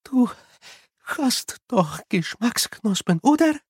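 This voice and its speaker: Brief: curt, sarcastic young teacher woman, read by a narrator, husky and dry. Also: on the high side, sing-song, slow pace, darkish tone, no room sound, voice pushed up, exaggerated voice. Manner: snappish, sarcastic.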